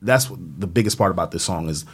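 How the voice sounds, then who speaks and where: A man's voice: quick pace, slightly rough. Laid-back male rapper guest. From United States. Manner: laid-back storytelling, drops voice low. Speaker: guest hip hop artist. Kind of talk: casual interview chat.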